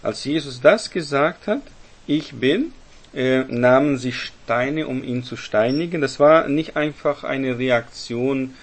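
Male Bible study leader, mid-pitched, unhurried delivery, explains patiently with frequent check-ins. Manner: explains step by step, often ending with "ne?". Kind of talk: Bible teaching to a group.

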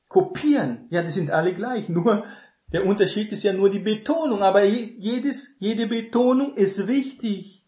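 A man's voice: high-pitched, a little mellow, echoey room. A man giving a sermon as a Bible teacher, emphatic and repetitive, often dropping in a questioning "ne". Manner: emphatic, repeats key phrases, frequent filler "ne".

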